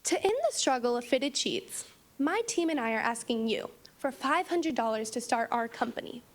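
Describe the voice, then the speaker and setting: High-pitched young woman giving a confident startup pitch. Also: expressive, moderate pace. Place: meeting room, standing before seated judges.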